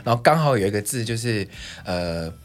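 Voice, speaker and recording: A man's voice: lowish voice, animated, brisk, faint music behind. A man from Taiwan, a guest singer-songwriter on a chat podcast, who laughs often and drifts off topic.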